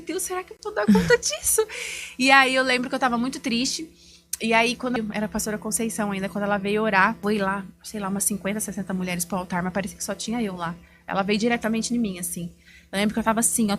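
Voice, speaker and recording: A woman giving a heartfelt, faith-filled testimony as an image consultant on a podcast. She tells her story in a lively way and acts out the dialogue she remembers. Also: medium pitch. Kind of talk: personal testimony in a podcast interview.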